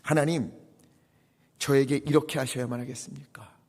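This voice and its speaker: A man acting out Moses as a worn-out old leader pleading with God, dropping to whispers and rising to loud cries. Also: a little high, animated, fast, husky. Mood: despairing. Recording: long church reverb.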